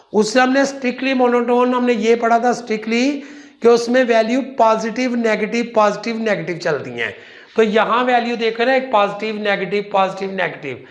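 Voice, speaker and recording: A man teaching a math lesson, slowly asking and answering his own questions and calling his students "children". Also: high voice, fairly bright tone. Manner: slow, explains step by step, asks and answers his own questions; calls students "children" and "son". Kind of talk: whiteboard lecture.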